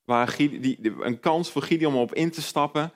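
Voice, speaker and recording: Conversational male preacher. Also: moderate pace. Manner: conversational, addresses listeners directly with questions; rises in pitch and volume on emphatic points, drops soft on reflective ones. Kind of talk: sermon.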